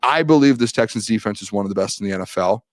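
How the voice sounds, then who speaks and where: A young man hosts a solo sports live-stream, rambling through a practice recap with many restarts and reading viewer questions from chat aloud. He is losing his voice and clears his throat. His lowish voice is expressive and quick, recorded dry.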